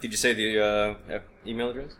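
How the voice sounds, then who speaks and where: A man's voice: on the low side, flat delivery, fairly quick, a bit bright. A man co-hosting a film podcast in casual, conversational chat. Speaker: podcast co-host.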